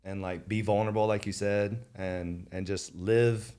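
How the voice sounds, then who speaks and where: Male podcast host, lowish voice, casual and emphatic. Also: steady tone, a little slow, warm tone. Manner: emphatic, repeats words for stress.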